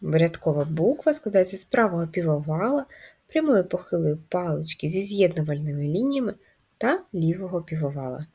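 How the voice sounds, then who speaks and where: A woman teaching a first-grade class, reading riddles and guiding letter writing in a slow, sing-song manner for young children. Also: fairly low pitch, expressive, mellow, husky. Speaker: primary school teacher. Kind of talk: first-grade handwriting lesson.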